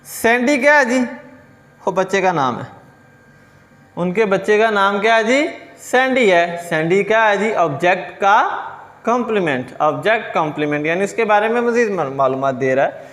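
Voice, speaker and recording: This man lectures on grammar in a fairly high voice, patiently walking through each point. He poses questions and answers them himself, slowing right down to read English example sentences. A long reverb trails behind his voice. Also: lively intonation, a bit bright. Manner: reads English example sentences slowly and deliberately.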